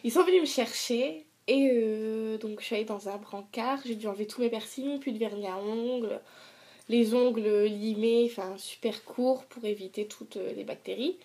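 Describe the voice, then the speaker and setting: A woman's voice: fairly high pitch, normal speed, a little mellow. A young woman chatting casually to camera as a vlogger, retelling her story in colloquial language with sarcastic asides and acted-out dialogue.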